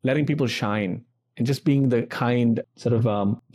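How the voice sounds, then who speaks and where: This podcast host's medium-pitched voice is darkish and slightly rough, moving at a normal speed. Speaking over a video call, he comes across as effusive and earnest, with plenty of casual filler words.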